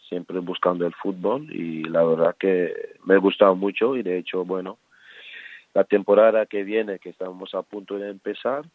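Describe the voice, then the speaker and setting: A middle-aged man from the Netherlands, a former footballer turned coach, talking as a guest in a radio interview, relaxed and halting, with many fillers and restarts. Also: deep voice, no echo. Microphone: phone. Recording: tinny phone line.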